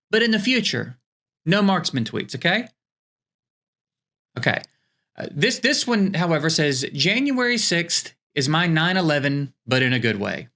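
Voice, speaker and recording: A man's voice: on the high side, pushed and bright. A man hosting a comedy show, reading fake tweets aloud in a bemused way with stammering restarts.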